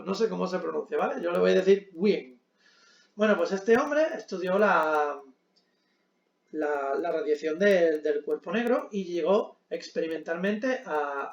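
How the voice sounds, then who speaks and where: A man's voice: sits high, vocal fry, roomy sound, lo-fi sound. A man teaching a physics lesson at a board, explaining step by step with frequent check-ins and hesitant fillers.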